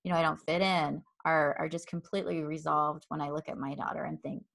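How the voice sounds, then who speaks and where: With a deep, gravelly, slightly bright voice, a woman talks a little fast in a level tone while hosting an interview. She's an adult with a child, earnest and verbose, frequently using ums and repeating herself.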